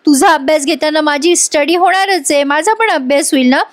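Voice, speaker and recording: A woman's voice: high voice, fairly quick, pitched above the performer's own voice, close to an everyday voice. A woman voicing a cheerful, determined young heroine who reassures and teases others in a retold serial. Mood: reassuring. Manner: reassuring, teasing.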